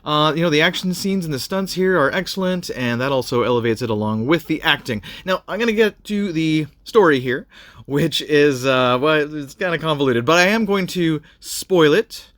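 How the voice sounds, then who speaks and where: A man's voice: fairly high pitch, expressive, moderate pace, a bit bright, no room sound. A man giving a casual spoken review of a TV episode, rambling with many fillers and restarts.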